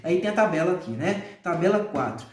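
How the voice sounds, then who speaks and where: A Brazilian man with a rather high voice reads a nonfiction book aloud in a loose, unpolished way. He recites long strings of figures and keeps stopping for hesitant fillers and crude offhand remarks. The sound bounces around an echoey room. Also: animated, brisk, a little mellow. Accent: Brazilian Portuguese. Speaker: reader.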